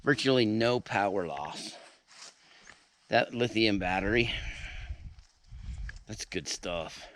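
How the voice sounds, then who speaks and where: A man's voice: fairly low pitch, slow, pauses often, a bit bright, a little hiss or hum. A man casually talking to his viewers as "you guys" while camping outdoors at a backcountry campsite, in an easygoing vlog style. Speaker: vlogger.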